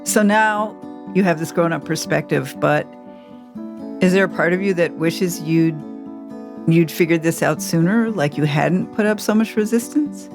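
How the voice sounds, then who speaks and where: A middle-aged American woman co-hosts a podcast where she interviews her grown child, mixing reflective narration with personal questions. Her voice is on the low side and a little slow, heard over music.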